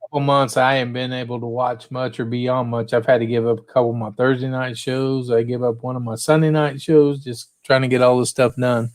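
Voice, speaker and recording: A man's voice: mid-range voice, flat delivery, fairly quick, darkish tone. A man hosting a casual live stream chat, talking in a rambling, tired way.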